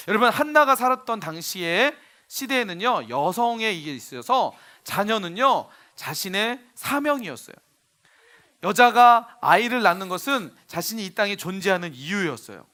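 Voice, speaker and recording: A male pastor telling a sermon story for children, animated and often asking the audience questions. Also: high-pitched.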